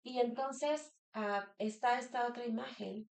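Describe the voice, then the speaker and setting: A woman's voice: on the high side, unhurried, vocal fry, a little mellow. Earnest woman sharing a devotional. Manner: earnest, repeats phrases and asks rhetorical questions. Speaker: church member sharing a devotional. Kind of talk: personal devotional talk.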